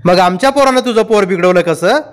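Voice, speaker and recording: A man voicing a proud, quick-tempered old village grandfather in a novel reading, with sharp, angry retorts. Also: high-pitched, pitched above the performer's own voice, lightly acted.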